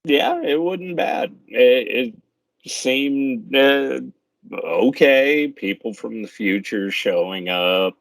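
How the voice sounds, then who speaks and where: A man's voice: mid-range voice, slow, gravelly, a bit bright, dry recording. A man chatting casually on a movie podcast, giving blunt opinions and laughing often. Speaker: podcast guest.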